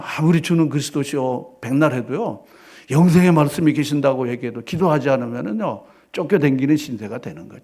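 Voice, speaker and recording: Male pastor in church: husky, slightly high, preaches with loud declarations and hushed asides. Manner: emphatic preaching with rhetorical questions. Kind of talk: sermon.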